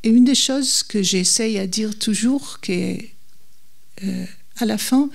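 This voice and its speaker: A woman's voice: mid-range voice, creaky. A woman speaking French as a second language with a foreign accent, giving a public talk and searching for her words. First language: not French. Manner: halting, searching for words in non-native French. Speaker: guest speaker, legal historian. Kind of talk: public lecture in answer to a question.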